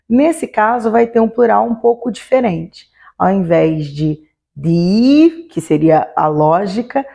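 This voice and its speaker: A woman teaching an online grammar lesson, slowing down to spell out each example word. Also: mid-range voice, creaky, dark tone. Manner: explanatory, slows to spell out example words. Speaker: Italian teacher.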